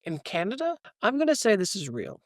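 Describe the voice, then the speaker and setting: A man's voice: sits high, huge pitch swings, a little fast, no room sound, studio quality. A man co-hosting a casual podcast, thinking aloud as he guesses whether facts are true. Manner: quizzical, thinks aloud before deciding. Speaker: co-host.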